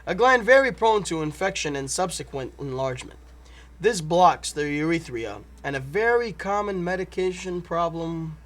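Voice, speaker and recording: Young man lecturing in a high, lively voice. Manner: mock-serious lecturing, breaks into laughter. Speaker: mock debater. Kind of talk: school-project comedy debate.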